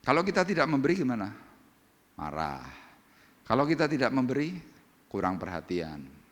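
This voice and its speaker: A man's voice: medium pitch, normal speed. A male pastor preaching a sermon, acting out little dialogues as he goes. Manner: animated, acts out little dialogues. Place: church hall. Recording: church hall reverb.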